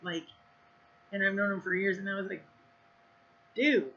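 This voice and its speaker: A woman's voice: mid-range voice, little pitch movement, brisk, bright, forceful tone, dull audio. A woman telling a story in a casual vlog, blunt and profane, rambling with lots of fillers. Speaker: vlogger.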